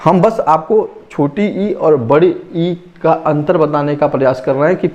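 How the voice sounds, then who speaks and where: A man's voice: a little high, measured pace, a little mellow. A man teaching a phonics lesson, reading word lists aloud and repeating each word to stress how long the vowel sounds, on a dull lo-fi recording.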